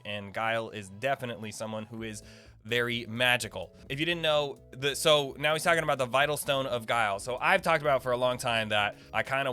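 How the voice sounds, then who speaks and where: A man creating and hosting a gaming video offers casual, informal lore commentary that rambles and speculates. His voice is mid-range, pushed and bright.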